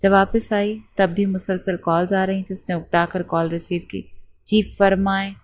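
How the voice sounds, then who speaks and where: Woman narrating a romance novel. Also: medium pitch. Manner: steady storytelling read.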